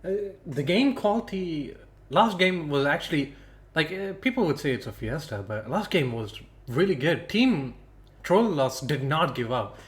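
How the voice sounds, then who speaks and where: A young man casting a student esports tournament alone on a stream, chatty and self-deprecating, thinking out loud between picks. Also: fairly high pitch, expressive, unhurried. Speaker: esports caster. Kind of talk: solo livestream commentary.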